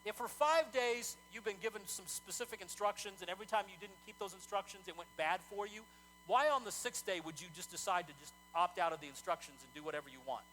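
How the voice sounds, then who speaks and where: A male pastor preaching a sermon in a conversational, animated way, often repeating words as he talks. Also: sits high, fast, soft background music, rough recording.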